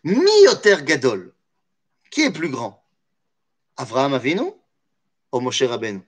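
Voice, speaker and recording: A man's voice: medium pitch, huge pitch swings, a little slow, slightly rough. A man teaching a Torah study lesson, explaining with animation, weaving in Hebrew terms and jokey asides.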